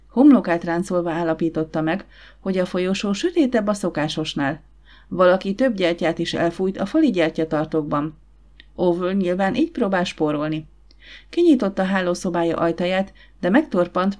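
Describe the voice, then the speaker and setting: A woman giving steady, measured audiobook narration. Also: lowish voice. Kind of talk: scripted narration.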